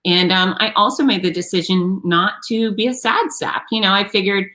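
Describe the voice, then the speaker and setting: A woman's voice: mid-range voice, steady tone, moderate pace, sharp tone, poor audio. A woman being interviewed as an author, telling her story frankly and expressively, often restarting her sentences.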